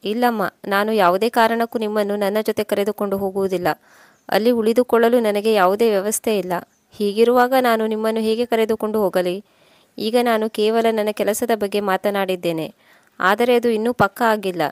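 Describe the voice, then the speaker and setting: A woman's voice: medium pitch, fairly even intonation, brisk, a little mellow, dry recording, lightly acted. A woman voicing a stubborn, ambitious young man set on leaving his village, arguing insistently and impatiently.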